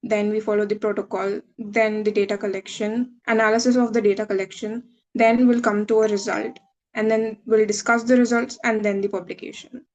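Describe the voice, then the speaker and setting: Here a young Indian woman in her twenties, a medical student and guest speaker, presents webinar slides on a video call, explaining steadily with some "uh"s. She speaks fairly quickly at medium pitch with little pitch movement and a darkish tone, on a low-quality recording.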